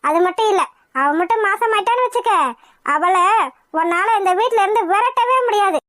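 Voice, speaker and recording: A woman's voice: extremely high pitch, moderate pace, fairly bright tone. A woman voicing a meddlesome, needling woman friend who stirs up trouble in a cartoon. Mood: goading. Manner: needling, goading. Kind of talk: cartoon voice acting.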